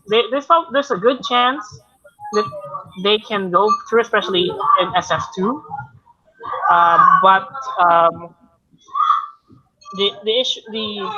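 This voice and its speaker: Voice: medium pitch, bright, forceful tone, lo-fi sound. A co-host with a Filipino accent in casual panel chat, rambling with many fillers and restarts. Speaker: podcast co-host.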